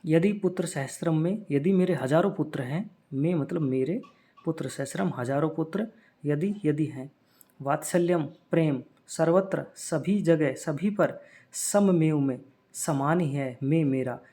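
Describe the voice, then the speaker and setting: A male teacher who reads a passage phrase by phrase and explains the meaning of each word in a steady lesson style. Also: a little high, a little slow.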